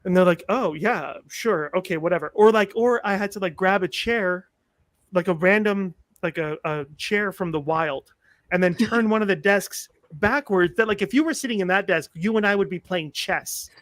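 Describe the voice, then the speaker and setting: A man in his forties, a podcast guest telling personal stories in casual chat, animated and self-mocking, acting out what people said. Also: sits high, normal speed, dry recording. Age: 40s. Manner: animated, self-mocking humor, acts out quotes.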